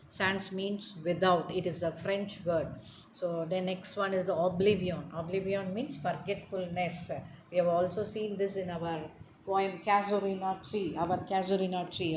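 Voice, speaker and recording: Lower-pitched woman teacher. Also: slight background noise. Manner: explains word meanings slowly with many "uh" fillers. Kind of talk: classroom poem explanation.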